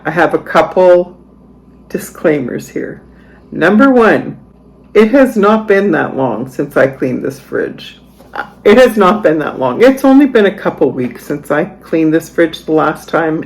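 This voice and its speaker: A middle-aged woman chatting through a home vlog voice-over. She speaks at an unhurried, drawn-out pace, with a chatty, storytelling manner and a dry sarcastic streak. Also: deep voice, a little mellow, low-quality recording. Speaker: vlogger.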